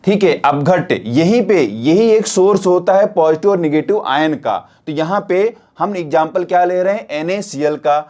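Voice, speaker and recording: A man with a high-pitched, slightly mellow voice teaches a spoken exam-prep science lesson in a classroom. He repeats points and often checks in with questions to make sure students follow.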